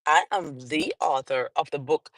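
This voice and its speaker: A Jamaican woman author answers viewer questions on a casual livestream, greeting viewers as she goes. Her deep voice is fairly bright and slightly rough, with no echo. She speaks slowly and unhurriedly, repeating and restarting phrases.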